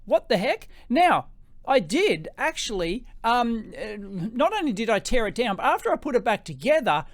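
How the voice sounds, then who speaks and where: An Australian man with a high-pitched voice and rising sentence endings, giving an excitable, casual off-the-cuff gear demo into a close microphone. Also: moderate pace, dry recording. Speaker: tech reviewer hosting a gear demo. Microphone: close podcast microphone.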